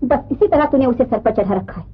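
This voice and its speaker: An actress playing a loving middle-aged mother who tenderly and gently scolds her children, in 1950s film acting. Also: fairly high pitch, expressive, brisk, breathy edge. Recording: tinny old film soundtrack with score.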